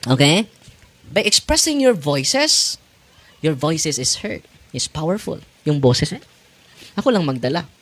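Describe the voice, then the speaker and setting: Animated priest in his forties. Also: on the high side, unhurried, long pauses. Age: 40s. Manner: animated, laughing, switching languages. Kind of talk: sermon to parishioners.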